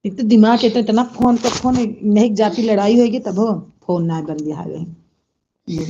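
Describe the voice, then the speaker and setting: A woman's voice: medium pitch, moderate pace, dark tone, slightly rough, dull audio. A woman hosting a casual live stream, chatting with viewers and scolding and soothing children in between.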